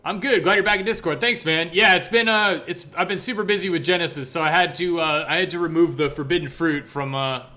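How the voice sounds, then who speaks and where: A man's voice: on the high side, a little fast, few pauses, sharp tone. A man talking casually and informally to his livestream viewers, with slangy, bro-style phrasing. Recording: music playing behind the voice. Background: background music.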